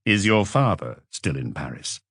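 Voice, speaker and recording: A man plays a composed police inspector in an audiobook, asking questions sparingly in a measured, probing manner. His fairly low voice is exaggerated and captured very dry, with no room sound at all.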